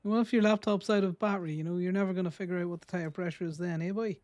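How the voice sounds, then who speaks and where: An Irish man joking and teasing his friends during a relaxed gaming session. His voice sits at an ordinary middle pitch and sounds close and dry, with little room around it. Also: very fast, dry recording, highs cut off. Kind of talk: casual gaming chat.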